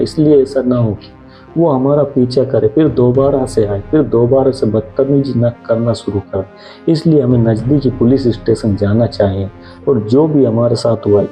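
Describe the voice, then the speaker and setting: Very dark-voiced male storyteller. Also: mid-range voice, low-quality recording. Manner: rambling, repeats and rephrases himself. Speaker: true crime storyteller. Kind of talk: casual spoken storytelling.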